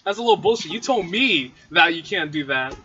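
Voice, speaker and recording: High-pitched teasing man at game table. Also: animated, fairly quick, a crowd in the background. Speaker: player in a tabletop role-playing game. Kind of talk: casual game chat. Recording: lo-fi group audio with voices behind.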